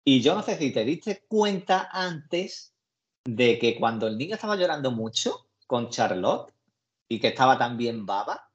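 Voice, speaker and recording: The voice is mid-range with big swings in pitch, and he takes his time. A podcast co-host with a Spain Spanish accent, he casually discusses a series, wandering through scenes in colloquial slang on a muffled, lo-fi recording.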